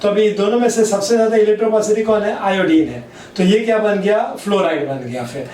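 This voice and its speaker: A man with an Indian accent teaching chemistry, dictating key points slowly and word by word and switching between Hindi and English mid-sentence. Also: high-pitched, darkish tone. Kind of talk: classroom lecture. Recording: echoey room, mic at a distance.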